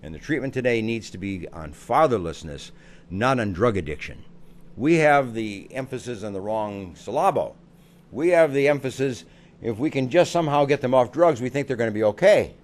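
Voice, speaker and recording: A man's voice: mid-range voice, expressive, moderate pace. An older American man, a psychologist, giving earnest parenting advice and repeating phrases for emphasis. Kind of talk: advice talk to camera.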